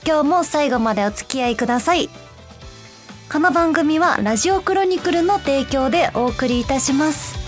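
A young woman from Osaka hosts a relaxed radio show in a high, light voice. She chats in a friendly way, drifting through soft fillers as she thinks aloud. Faint music plays quietly behind her. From Osaka, Japan. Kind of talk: casual radio chat, reading listener letters.

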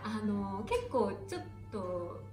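A young woman from Shiga with a Kansai accent, chatting as a guest on a radio show in a soft, soothing way. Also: mid-range voice, very animated, takes it slowly, reverberant, over loud music. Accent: Kansai Japanese. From Shiga, Japan. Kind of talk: casual radio chat.

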